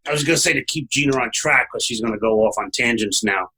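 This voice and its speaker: Husky-voiced Brooklyn man hosting. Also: mid-range voice, fast, sharp tone. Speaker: show host. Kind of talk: casual interview.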